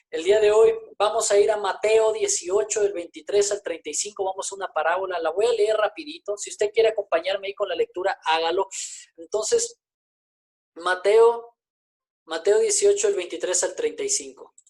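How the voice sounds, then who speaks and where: A woman's voice: mid-range voice, expressive, moderate pace, darkish tone. A woman preaching a sermon, emphatic, repeating her key phrases and asking the congregation rhetorical questions.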